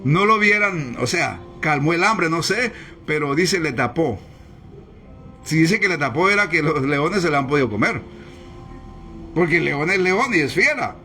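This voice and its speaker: Man, pastor, sermon, high voice, bright tone, emphatic repetitive preaching, soft music behind. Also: lively intonation, moderate pace. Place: church service, streamed live.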